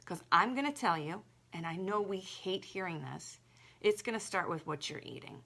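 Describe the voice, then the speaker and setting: A woman's voice: lowish voice, animated, moderate pace, gravelly, a bit bright. A young adult woman, a holistic health coach, talking casually and emphatically, with lots of "like" in her speech. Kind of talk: casual direct-to-camera talk.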